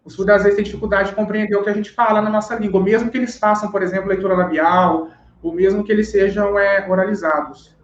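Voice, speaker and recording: A man's voice: high voice, fairly even intonation, fast talker, hardly any pauses. A man, a guest on an interview show, patiently explains step by step and often checks that he has been understood. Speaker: sign language teacher guest. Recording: roomy, dull live-stream audio.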